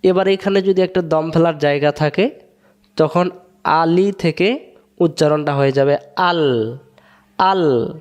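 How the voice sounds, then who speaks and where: A man with a Bangladeshi Bengali accent teaches recitation step by step, his voice sitting a little high. He repeats each rule several times and quizzes himself before giving the answer, like a patient classroom drill. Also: unhurried, a little mellow, clear, resonant tone. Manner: repetitive, drilling rules and asking then answering his own questions. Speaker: Quran teacher. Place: room, writing on a board in front of a camera.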